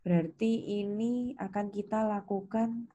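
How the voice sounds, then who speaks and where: Speaking at a measured pace with fairly even intonation, this woman has a dark, medium-pitched voice and an Indonesian accent. She's an accounting lecturer walking through worked examples step by step, posing questions and giving reminders, while background noise and keyboard clicks are clearly audible.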